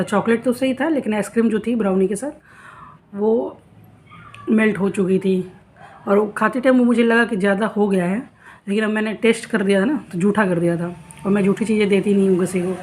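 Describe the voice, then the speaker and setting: A woman's voice: mid-range voice, a little mellow. Chatty woman vlogging at home. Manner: chatty storytelling, acts out husband's quoted lines. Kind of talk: casual vlog chat. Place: home room facing a noisy street. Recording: faint street noise behind.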